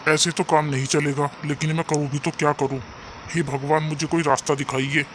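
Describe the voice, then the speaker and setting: A man's voice: fairly high pitch, steady tone, moderate pace, a bit bright, a little hiss or hum, close to an everyday voice. A man voicing a poor young junk seller in a cartoon story, earnest and caring, sometimes despairing. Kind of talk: cartoon voice acting.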